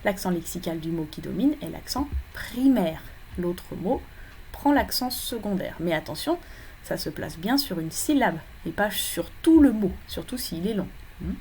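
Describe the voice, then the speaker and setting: A woman's voice: fairly low pitch, lively intonation, measured pace, darkish tone, a little hiss or hum. A woman teaching English phonology in a recorded lecture for exam preparation, explaining step by step with frequent fillers and self-corrections.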